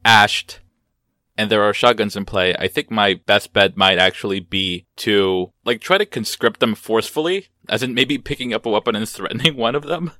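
A man with a low but bright voice thinks through his character's choices in a tabletop game. He talks casually and plans aloud. The recording is dry and close. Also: moderate pace, no room sound. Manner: thoughtful, planning aloud. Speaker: player. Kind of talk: tabletop role-play, explaining his moves.

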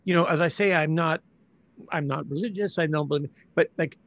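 A man's voice: fairly high pitch, brisk, a bit bright, muffled recording. A man who is the author guest in an interview, speaking thoughtfully and repeating words as he searches for them. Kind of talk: conversational interview.

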